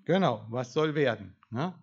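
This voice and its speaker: A man's voice: mid-range voice, animated, moderate pace, breathy edge. A man preaching an informal sermon in a conversational way, putting questions to the congregation. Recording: dull lo-fi sound.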